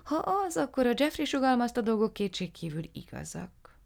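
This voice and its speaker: A woman's voice: fairly high pitch, big pitch swings, vocal fry, darkish tone, pitched above the performer's own voice. A woman voicing a fussy, theatrical little male art dealer who talks in a flowery, gushing way. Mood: sly.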